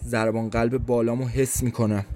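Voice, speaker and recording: A man's voice: medium pitch, little pitch movement, warm tone. A man narrating a first-person story for a podcast he writes, in a tense, introspective inner-monologue manner.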